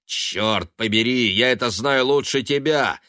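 A man voicing a scornful young man who mocks and shouts at his mother with contempt. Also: on the low side, slow pace, no room sound, studio quality. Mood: sneering. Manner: mocking and contemptuous, often shouting.

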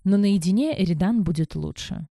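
A composed garrison captain in a storybook reading, calm and matter-of-fact, as a woman reads him. The voice is low and gravelly, with a dark, mellow colour. The sound is dry and close. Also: moderate pace, dry recording. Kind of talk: audiobook character reading.

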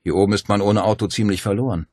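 A man voicing a calm, practical man who talks plainly and cautiously. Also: lowish voice, fast talker, dry recording, clean studio sound, natural voice.

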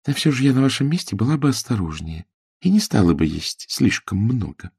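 A haughty young woman who mocks and snips at everyone around her, put on by a man reading an audiobook. The voice sits high and swoops widely, with a husky, gravelly grain. It is close and dry. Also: sing-song, fairly quick, warm tone, no room sound. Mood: mocking. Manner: snippy, mocking, high-pitched. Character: haughty young woman, sharp-tongued and mocking. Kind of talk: audiobook character voice.

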